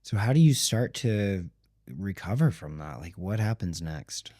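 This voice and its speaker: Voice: sits low, expressive, measured pace, dark tone, dry recording, studio quality. A podcast host interviewing a guest, responding sympathetically with short reactions. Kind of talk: casual interview.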